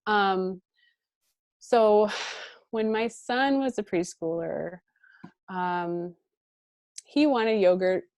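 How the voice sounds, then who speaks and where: Animated woman guest, laughing often. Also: mid-range voice, drawn-out words, pauses often, dry recording, clean studio sound. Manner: warm, animated, laughs often, many fillers. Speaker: guest speaker, parent coach. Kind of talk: conversational interview.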